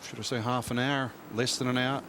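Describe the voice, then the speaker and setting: A man's voice: medium pitch, level tone, brisk, a bit bright. A man giving conversational commentary on a golf tournament as a commentator. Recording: outdoor broadcast, clear ambient noise.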